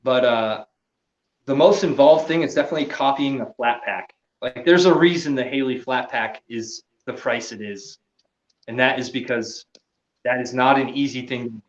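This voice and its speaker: A relaxed man in casual conversation, trailing off into "I don't know" and dropping casual swears. His voice carries a roomy echo, and the sound is a little muffled. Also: medium pitch, moderate pace. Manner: laid-back, trailing off, swears casually, laughs often. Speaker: podcast guest, gear maker. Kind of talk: casual chat.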